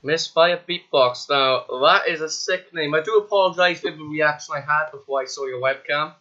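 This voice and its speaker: A man's voice: a little high, moderate pace, bright, forceful tone. A man chatting casually and crudely to strangers on a video chat for his vlog. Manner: joking, crude, rambling. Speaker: vlogger. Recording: dull lo-fi webcam mic.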